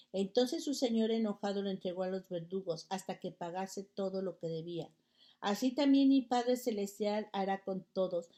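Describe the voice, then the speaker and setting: A woman's voice: mid-range voice, dark tone. Woman preaching and reading scripture. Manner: reads aloud with stumbles and restarts, addresses "hermanos".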